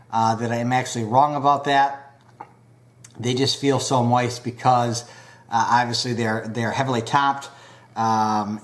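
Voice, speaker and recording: A medium-pitched man gives a relaxed, unhurried review of pipe tobacco, sounding a little stuffed up after a cold and filling his pauses with hesitations.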